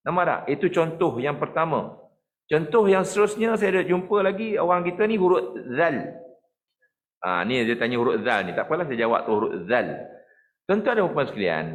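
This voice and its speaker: A man with a Malaysian Malay accent from Perak, teaching a Quran recitation lesson online, explaining patiently and demonstrating letter sounds and slow chanted verses. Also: fairly high pitch.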